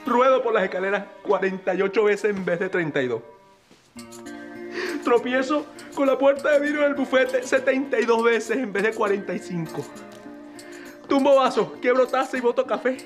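An actor playing a clumsy, neurotic, lovesick young office nerd in a telenovela, whiny and melodramatic, with a Venezuelan accent. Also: male voice, very high voice, normal speed, music in the background. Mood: lovesick despair. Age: young adult. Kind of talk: telenovela comic acting.

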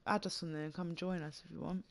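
A man's voice: a little high, flat delivery, fast talker, vocal fry, a bit bright. Chatty man with a slight lisp. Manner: chatty, laughs often, stumbles on words. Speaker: game streamer. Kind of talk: casual gaming chat.

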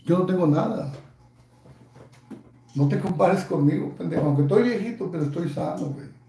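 A man's voice: on the high side, normal speed, vocal fry, warm tone, roomy sound, slight background noise. A Mexican man in his fifties ranting angrily in a vlog, taunting and cursing constantly. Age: 50s. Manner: angry, profane, taunting. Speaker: YouTuber.

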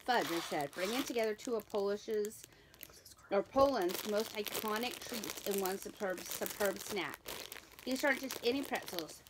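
A young woman hosting a casual snack taste-test vlog, reading the package descriptions aloud in a halting way. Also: medium pitch, noisy background. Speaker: vlogger.

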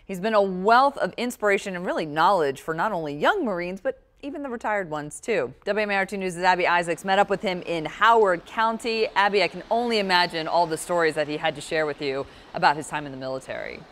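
An American woman in her thirties with a slightly low voice anchors the news. She presents scripted introductions in a studio, speaking into a lapel mic. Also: quick pace, a bit bright. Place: indoor TV studio.

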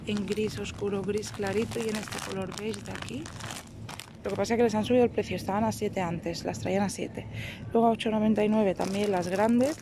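A shopping vlogger films on a handheld phone while casually walking through a large store aisle indoors. Her medium-pitched voice hesitates with fillers as she reads product labels, against a noisy background.

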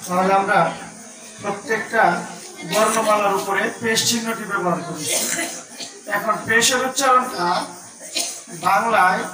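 Slow high-voiced Bangladeshi teacher, echoey. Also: male voice, far from the mic, background noise. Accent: Bangladeshi Bengali. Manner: drills letter sounds in a chanting, sing-song tone. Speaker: Quran teacher. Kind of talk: slow, repetitive Quran reading lesson.

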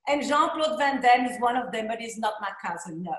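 A Belgian woman in her forties talks a little fast as a guest in a casual video-call interview, animated, gesturing, and repeating "you know." Heard via a laptop webcam mic, her slightly high voice echoes in a bright, roomy office.

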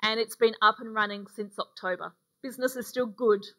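A middle-aged woman preaching a sermon in a relaxed, conversational way with frequent ums, speaking from a lectern on a church stage. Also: on the high side, brisk. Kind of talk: sermon with a mission story. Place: dark church stage, indoors.

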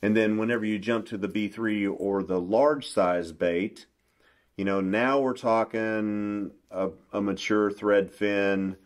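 A middle-aged man, a bass fishing pro, explaining his baits in a casual, folksy interview with plenty of restarts, recorded in a small room. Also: steady tone, takes it slowly. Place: small indoor room at a table.

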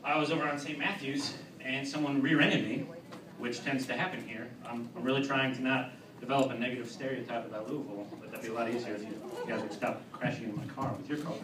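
A young man performing a stand-up set in a comedy club, with a deadpan, halting delivery full of fillers and restarts. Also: mid-range voice, background noise. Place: comedy club with live audience. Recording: roomy, distant club mic with crowd.

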